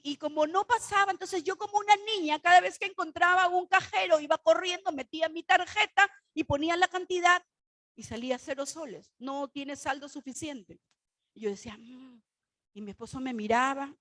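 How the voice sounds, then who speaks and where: A woman preaching a sermon, telling a personal testimony with dramatic swings between soft and loud. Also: high voice, a little fast, no echo. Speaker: pastor's wife preaching.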